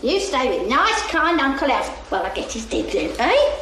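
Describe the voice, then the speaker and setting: A long-suffering middle-aged housewife, with a dry, tart edge. Her high voice swings a lot. The film sound is roomy, with noise in the background. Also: sing-song, normal speed. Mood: weary. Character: patient, long-suffering London housewife and mother.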